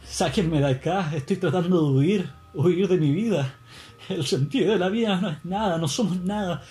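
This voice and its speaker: A man's voice: sits high, a little slow, mellow, soft background music, voice pushed up. A man playing a despairing dog. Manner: despairing, melodramatic. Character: depressed male dog begging to die.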